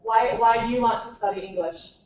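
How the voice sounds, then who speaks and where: A young woman from Minnesota with a Minnesotan American accent, chatting and telling stories as a native English conversation partner, her voice animated and full of quoted asides. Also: fairly high pitch, fairly quick. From Minnesota, United States. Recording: distant, tinny, echoey hall with faint noise.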